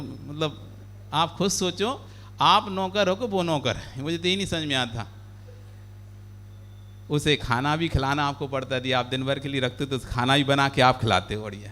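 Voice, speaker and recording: A monk delivering a sermon, mixing in lively stories and acting out each character with playful energy. His speaking voice is notably high and bright. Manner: animated, playful, acts out the characters. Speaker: Jain monk preaching. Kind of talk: sermon with storytelling.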